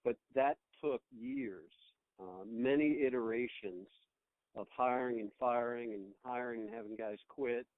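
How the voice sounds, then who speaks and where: A middle-aged American business owner is interviewed over a phone call, and the tinny, band-limited line carries his mid-range, unhurried voice. He talks conversationally and reflectively, rambling a bit and often repeating words as he rephrases.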